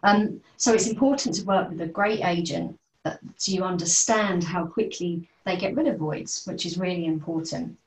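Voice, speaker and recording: Low-voiced woman, echoey room. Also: normal speed. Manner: explanatory, many fillers and restarts. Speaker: property investment speaker. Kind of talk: informal presentation on a video call. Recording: echoey room, distant from mic.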